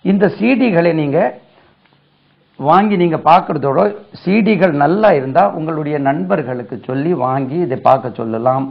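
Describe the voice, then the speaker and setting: A man with a Tamil accent teaching spoken English in a classroom lesson, spelling words letter by letter and repeating them slowly. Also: fairly high pitch, creaky. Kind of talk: classroom lesson explaining pronunciation. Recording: dull lo-fi lesson recording.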